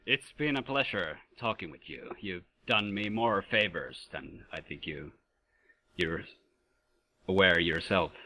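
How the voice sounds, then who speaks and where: A man's voice: low voice, lively intonation, unhurried, sharp tone, slight background noise. A man from Sweden answering interview questions as a competitive player, with dry humor. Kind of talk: casual interview.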